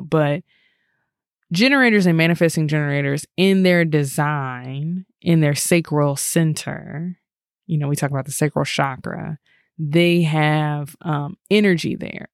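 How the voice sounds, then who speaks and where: Animated woman telling stories on a podcast. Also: deep voice, dry recording, clean studio sound. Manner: animated storytelling, acts out quoted dialogue, frequent "like". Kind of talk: casual chat.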